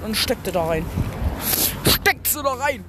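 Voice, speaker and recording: A man's voice: extremely high pitch, lively intonation, measured pace, very noisy. A young man co-hosting a casual podcast, cutting in with cheeky teasing jokes. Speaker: co-host.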